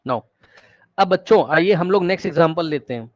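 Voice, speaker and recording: High-voiced man teaching an online class. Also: no room sound. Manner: energetic, repeats words rapidly to prod students; coaxing questions to the class. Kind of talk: live online class lecture. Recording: dull, dry online-class audio.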